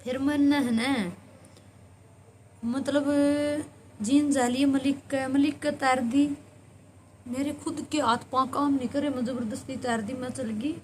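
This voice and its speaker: A Haryanvi-accented woman with a fairly high voice tells her own story to the camera. She circles back over her words in an earnest, rambling flow. A faint hum of noise sits behind her. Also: fairly even intonation, measured pace, long pauses. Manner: earnest, rambling retelling with repeated phrases. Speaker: vlogger. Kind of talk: personal storytelling.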